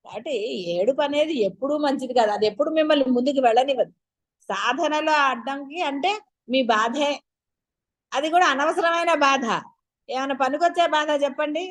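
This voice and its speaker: A high-voiced woman, a spiritual teacher, gives a brisk discourse, speaking directly to her listeners. She poses rhetorical questions again and again in a chatty, coaxing manner.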